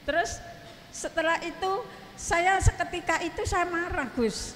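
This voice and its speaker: Speak as a middle-aged woman in a study hall, fairly high-voiced, earnest, and deferential as you recount what happened. Keep turning to your teacher with polite address, and let the long hall reverb and faint room murmur sit behind you. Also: a little slow, fairly bright tone, a little hiss or hum. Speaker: congregant asking a question. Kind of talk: telling a personal story to a teacher. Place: study hall at an Islamic boarding school.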